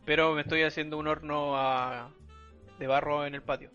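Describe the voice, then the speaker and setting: A man co-hosting a podcast, cracking dry, deadpan jokes in casual chat, on a dull lo-fi recording. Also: fairly high pitch, normal speed, soft background music. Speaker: podcast co-host.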